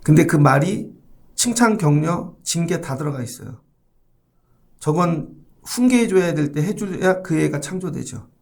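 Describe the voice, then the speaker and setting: A man's voice: on the high side, animated, unhurried, gravelly, darkish tone. A middle-aged man preaching a morning sermon as pastor in a church, talking conversationally and speaking to the congregation directly.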